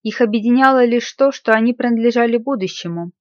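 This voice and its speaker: A woman narrating a classic story in a measured, expressive reading voice. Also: fairly high pitch, dry recording. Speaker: audiobook narrator. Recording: slightly muffled dry recording.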